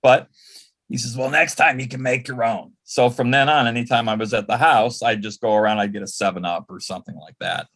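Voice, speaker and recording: Speaking a little fast with a steady, slightly bright medium-pitched voice, the guest recalls his days as personal assistant to an entertainer. His anecdotes come out casually, peppered with quoted dialogue.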